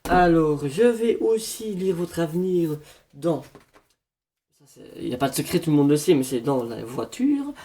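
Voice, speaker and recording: A man's voice: on the high side, mellow. A man doing a parody horoscope reading, rambling in a mock-solemn fortune-teller manner. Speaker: comedian.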